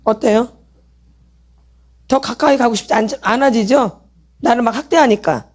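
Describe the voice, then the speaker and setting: A woman's voice: fairly high pitch, moderate pace, a little mellow. A middle-aged woman leading a church healing meeting who keeps asking the audience questions and answering them herself. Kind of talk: sermon lecture with call-and-response questions.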